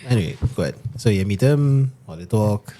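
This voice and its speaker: A man's voice: lowish voice, lively intonation, fairly quick, crowd noise. A man co-hosting a podcast, laid-back and asking questions. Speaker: podcast co-host. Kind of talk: casual podcast banter. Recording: faint background noise.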